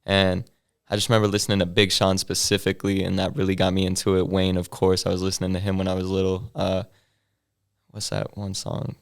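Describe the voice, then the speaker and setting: A young man with a deep, gravelly voice speaks monotonously and fairly quickly as a hip hop artist guest in a casual interview. He tells stories in a laid-back, slang-heavy way with lots of fillers, and says his bassy voice sounds mumbled.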